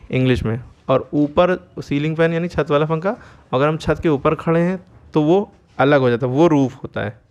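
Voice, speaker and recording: A man's voice: fairly high pitch, a little mellow, smooth. A man teaching English vocabulary in Hindi, spelling each word letter by letter and repeating its pronunciation and meaning. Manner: spells words letter by letter slowly, repeats each word, often asks "ठीक है?". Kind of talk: vocabulary lesson, spelling out words.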